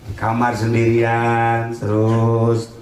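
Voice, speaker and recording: A man giving a humorous Islamic sermon as a preacher, swinging between low solemn warnings and high joking asides. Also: completely flat delivery, slow, a little mellow. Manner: jokey, mimics congregation members, swings from low solemn to high laughing. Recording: echoey hall.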